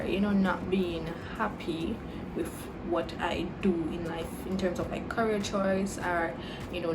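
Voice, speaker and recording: Answering viewer questions in a laid-back vlog, this 21-year-old woman speaks with a mixed Jamaican and Dominican Caribbean English accent, sprinkling in plenty of "like" and "you know." Her voice sits on the low side. The recording is very noisy.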